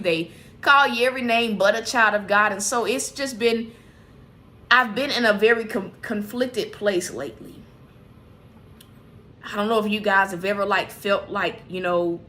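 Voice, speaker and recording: Bright-voiced woman sharing heartfelt struggles. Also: medium pitch, slight background noise. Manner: heartfelt, confessional, frequent "you know" and "like". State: emotional, on the verge of tears. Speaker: ministry livestream host. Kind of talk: candid spiritual sharing on a livestream. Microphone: streaming setup.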